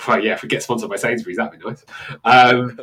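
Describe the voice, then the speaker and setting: A man's voice: medium pitch, steady tone, fast, fairly bright tone. A British man in his thirties co-hosting a podcast, chatting casually with plenty of restarts, fillers and laughs. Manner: rambling, self-interrupting, laughs often. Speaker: podcast co-host. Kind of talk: casual chat.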